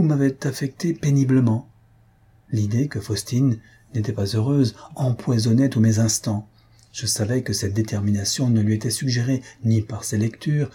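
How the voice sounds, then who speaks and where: Male audiobook narrator, breathy husky timbre, dark and mellow, steady literary reading. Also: medium pitch.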